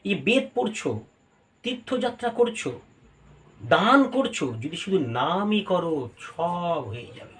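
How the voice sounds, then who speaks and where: A man giving a devotional sermon, explaining and slowly chanting scripture verses. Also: high-pitched, sing-song, a bit bright. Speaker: preacher.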